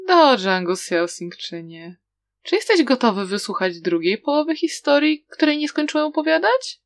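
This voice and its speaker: A woman's voice: high-pitched, big pitch swings, moderate pace, no echo, voice pushed up. A woman voicing a cheerful but ruthless young man who taunts breezily. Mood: mocking.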